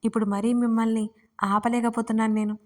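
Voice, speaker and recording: A woman voicing a feisty, quick-tempered young heroine in a read-aloud romance story. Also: fairly high pitch, little pitch movement, lightly acted. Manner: sulky, sharp-tongued.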